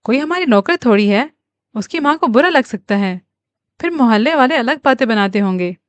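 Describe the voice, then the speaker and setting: A woman reading the part of a frail, drowsy old mother who speaks haltingly and weakly. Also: fairly high pitch, expressive, clean tone, no echo, natural voice. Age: older. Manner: halting, weak.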